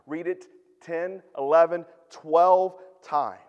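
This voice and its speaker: A male pastor delivers a sermon in a somewhat high voice, teaching earnestly. He drops to near-hushed tones, then rises to emphatic points. His voice rings with a long reverb, as in a large hall. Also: steady tone, slow pace, lo-fi sound.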